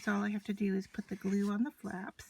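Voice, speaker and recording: A woman's voice: mid-range voice, flat delivery, fast, darkish tone. Woman giving a craft tutorial over handling noise. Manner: instructional, talking through each step while working with her hands. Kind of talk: step-by-step craft demonstration, casual and unscripted. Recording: clear background noise, scratching and clicks from handling materials. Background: scratching and clicking of craft materials.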